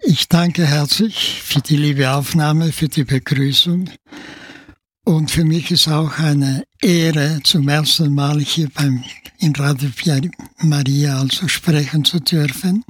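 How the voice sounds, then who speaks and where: A husky, slightly raised voice from an elderly man in his nineties, a priest with a Spanish accent speaking German in a radio interview. He talks haltingly, restarting phrases and dropping in "ja". The studio sound is close and dry. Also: a little high, steady tone, fairly bright tone, no room sound. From Spain. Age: 90s. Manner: halting, with frequent filler "ja" and restarts. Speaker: priest guest.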